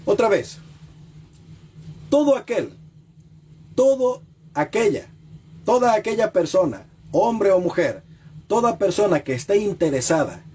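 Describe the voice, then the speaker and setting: A man preaching a sermon who repeats key phrases for emphasis and asks the listener rhetorical questions, dropping low and slow on solemn lines. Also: sing-song, warm tone, slight background noise.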